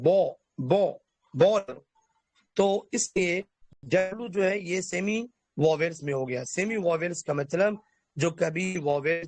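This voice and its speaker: A man teaching a basic English lesson, explaining letter sounds and spelling words out slowly letter by letter. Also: on the high side, dry recording. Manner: addresses listeners formally.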